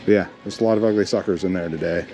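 A man's voice: sits low, rapid-fire, mellow, muffled recording. A man narrating his thrift shopping in a casual vlog, rambling and joking as he addresses viewers as friends. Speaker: thrift reseller vlogger.

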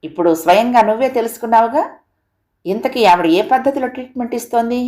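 A woman's voice: on the high side, fast talker, dark tone, pitched above the performer's own voice, lightly acted. Woman reading middle-aged husband, impatient, scolding, blunt questions, audio storybook. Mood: teasing.

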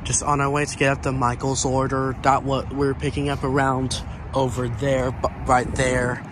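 With a flat delivery at normal speed, a medium-pitched American man gives a casual, rambling, repetitive walking tour as a vlogger of abandoned buildings. He is outdoors circling a building and parking lot, filmed on a handheld camera or phone with clear ambient noise.

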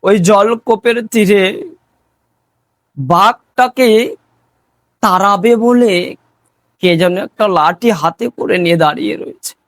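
A man with a high voice preaches a devotional story at an unhurried pace. He is emotional and repeats lines for emphasis. The sound is dry, with no room echo. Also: a bit bright.

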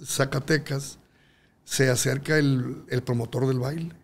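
Gravelly man telling stories. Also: medium pitch, measured pace. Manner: lively storyteller, acting out voices and using slang. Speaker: guest singer. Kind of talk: casual anecdote storytelling.

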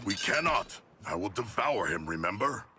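Formal, grandiose shark monster. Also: male voice, very animated, moderate pace. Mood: solemn. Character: hulking, formal, literal-minded male shark monster. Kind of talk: video game cutscene acting. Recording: clear background noise, vehicle rumble.

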